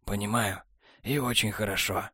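A man voicing a cold, scornful male traitor, speaking low and hushed with open contempt. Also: fairly even intonation, moderate pace, slightly rough, no room sound, clean studio sound. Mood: contemptuous. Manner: low, hushed, sneering delivery.

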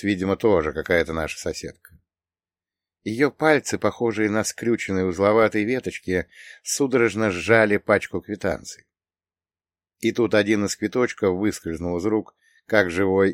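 Low-voiced man narrating an audiobook. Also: dry recording, clean studio sound. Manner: wry, ironic storytelling. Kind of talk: scripted first-person narration.

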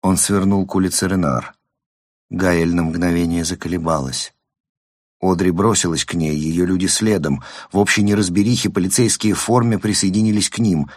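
Casting: male audiobook narrator, very low pitch, steady and measured, dry studio sound. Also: dry recording.

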